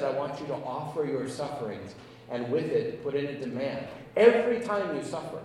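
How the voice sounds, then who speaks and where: Pastor preaching in an echoey church. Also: male voice, mid-range voice, darkish tone, slight background noise. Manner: earnest, acts out dialogue with emphatic rises. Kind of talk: sermon storytelling. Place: large church. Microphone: handheld mic. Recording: echoey church hall, distant mic.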